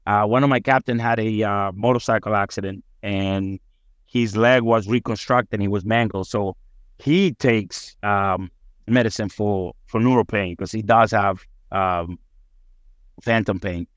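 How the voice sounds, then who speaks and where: A man's voice: fairly low pitch, fairly even intonation, measured pace, no room sound, studio quality. A middle-aged man, a firefighter guest on a podcast, telling his story in a rambling, upbeat way and swearing freely.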